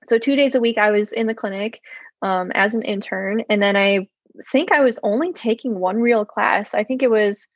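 A young woman in her early twenties, a physical therapy student, telling her story in a casual interview with animated quoted voices, fillers and laughs. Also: normal speed, no echo. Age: early 20s. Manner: animated storytelling, acts out quotes with excited high pitch. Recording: dull lo-fi dry sound.

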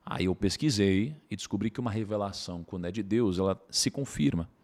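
A man, a podcast guest telling a personal story in animated casual conversation. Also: fairly low pitch. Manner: animated, tags sentences with quick asides.

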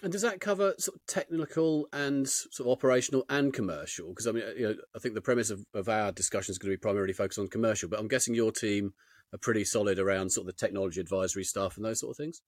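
A man's voice: on the low side, quick pace, dry recording, clean studio sound. A man hosting an interview podcast in a chatty, unscripted way, his diction slightly slurred and sticky-lipped. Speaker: podcast host, IT consultant.

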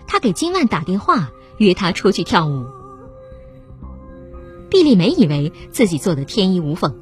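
Woman storyteller, lively pitch, steady read. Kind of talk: scripted narration.

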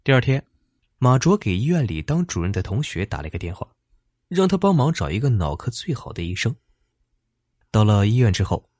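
A male storyteller narrates with dramatic flair, drawing out small particles between phrases. His voice is husky and fairly low, with wide, lively pitch. The recording is dry and close. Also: no room sound.

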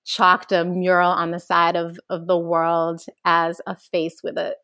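A young adult woman answering an interview question, speaking earnestly in long, flowing thoughts that grow lively when she recalls childhood. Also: on the low side, a little slow, clean tone, dry recording, clean studio sound. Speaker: guest, organizer.

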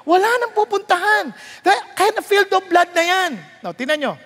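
High-voiced preacher, mixes tagalog n english, lots of rhetorical questions, big echoey hall. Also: lively intonation, moderate pace, a bit bright. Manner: mixes Tagalog and English, reads scripture aloud. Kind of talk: sermon.

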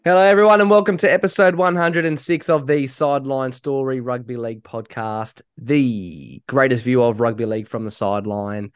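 A man with an Australian accent hosts a casual sports talk show. His pitch is average for a man. The sound is dry, without room echo. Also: moderate pace, few pauses, clean tone. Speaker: podcast host. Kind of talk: casual rugby league podcast chat.

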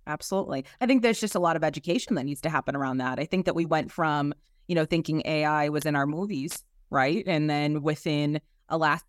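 Low-key Boston woman in an interview, closely recorded. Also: dry recording, clean studio sound. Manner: emphatic, often ends points with a questioning tag. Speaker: interview guest, human resources executive. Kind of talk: conversational interview answers.

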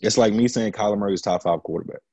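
A man's voice: fairly low pitch, very fast, mellow, no echo. A man hosting a casual podcast chat, slangy and often putting questions to his friends. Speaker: podcast host.

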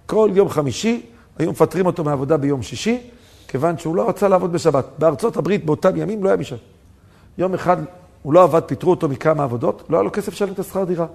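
A rabbi giving a sermon full of stories, preaching emphatically and rising to shouts on his key points. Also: a little high, vocal fry.

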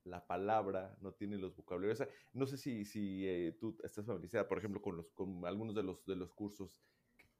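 A man with a very low voice speaks in a relaxed, explanatory way. He talks through child welfare work in a casual conversation. He acts out examples, at times raising his voice sharply and at times dropping to a hush. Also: a little fast.

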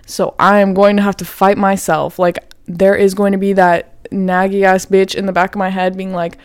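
A young woman talks through her solo podcast in a loose, candid way, swearing freely and filling every pause with "like". Her voice is smooth and clear at an ordinary pitch. The sound is dry and close, with no room around it. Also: flat delivery, dry recording. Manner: chatty, profane, says "like" a lot, laughs often. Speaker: podcast host. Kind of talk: casual solo podcast talk.

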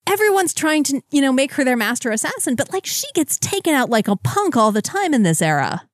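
A woman co-hosting a podcast, casually recapping comics with wry jokes and quick asides. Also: high voice, very animated, dry recording, studio quality. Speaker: podcast co-host.

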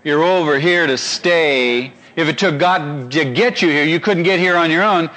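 A male pastor delivering a sermon, animated and constantly asking his audience questions. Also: fairly high pitch, moderate pace.

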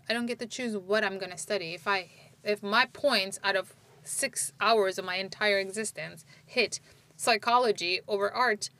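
A Turkish woman in her forties tells her story in a casual conversation, rambling and restarting her sentences. Her voice is medium-pitched with a sharp tone.

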